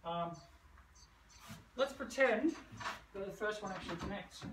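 A middle-aged man with a high, animated voice and measured pace demonstrates martial arts moves while moving about, teaching in a playful, casual way peppered with sound words. A camera several metres away on an outdoor covered brick veranda picks him up, so the sound is roomy and noisy.

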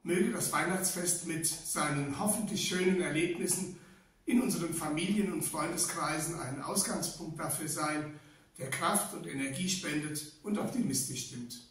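Echoey, slightly hoarse older man, formal address. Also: fairly high pitch, moderate pace, a bit bright. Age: 60s. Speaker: town official giving a holiday address. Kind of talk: prepared formal address to citizens. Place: small indoor office room. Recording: echoey room, distant microphone.

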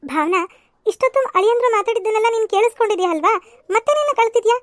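A fussing middle-aged mother from a cartoon serial, voiced by a woman, with a very high, thin voice. She talks in a chatty, coaxing way. The recording is close and dry. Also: animated, very fast, dry recording.

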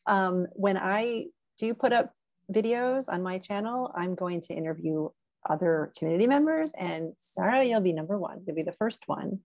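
Woman guest on a podcast, mid-pitched voice, dry close sound, chatty and giggly. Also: animated, normal speed, a little mellow, no echo. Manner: chatty, giggly, many ums and likes. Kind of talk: casual conversational interview.

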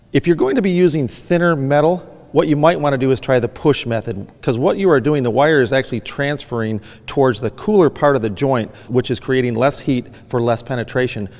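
A man's voice: medium pitch, a little mellow, in a large hall. A middle-aged man from Michigan, a fab shop owner giving a plain, practical welding lesson, often saying "actually". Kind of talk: instructional demonstration. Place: large indoor workshop.

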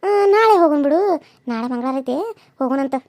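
A woman's voice: sits high, lively intonation, brisk, a little mellow, no echo, studio quality. A woman voicing a caring older village woman who comforts and advises. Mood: reassuring. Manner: soothing, bossy-kind, reassuring. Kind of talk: cartoon serial voice acting.

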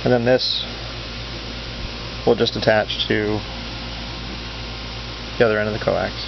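Speaking in a lowish, flat, unhurried voice, a man casually explains a how-to project like a hobbyist showing off his work. He's an amateur radio enthusiast who makes videos, and the dull audio from his handheld camera's built-in mic carries clear hiss and hum.

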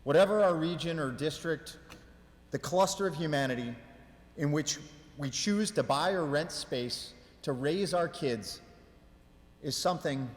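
A man delivering a prepared mayoral speech at a ceremony, in deliberate, emphatic oratory with measured pauses. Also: on the high side. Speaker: mayor giving an inaugural speech. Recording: reverberant hall, long echo.

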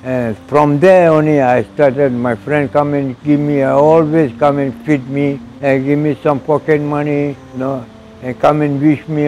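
Speaking into a lapel mic along an outdoor mosque walkway, a man in his sixties earnestly shares his personal testimony as an interviewee, his English broken and repetitive with a Malaysian accent. His mid-range voice has a dark tone, and the poor audio carries a little hiss or hum.

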